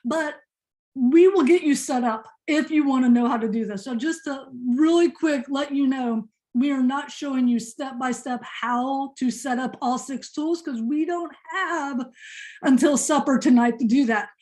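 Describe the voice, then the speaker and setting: A woman presenting a teacher workshop on a video call, fast-talking and chatty, joking with her audience. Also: high-pitched, a little mellow. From Indiana. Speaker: professional development presenter.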